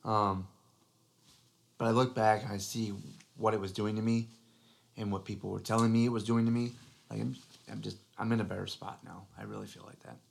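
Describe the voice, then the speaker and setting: A man's voice: lowish voice, level tone, fairly quick, gravelly, pauses often. A man co-hosting a podcast, talking in a casual, earnest way, restarting his sentences and often saying "you know". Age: adult father. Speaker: podcast co-host.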